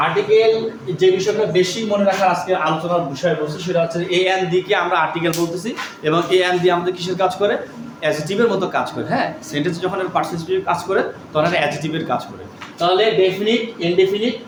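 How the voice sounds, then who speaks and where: A man teaching English grammar, explaining step by step and asking and answering his own questions. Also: high voice. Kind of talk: classroom lecture. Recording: echoey room with loud background noise.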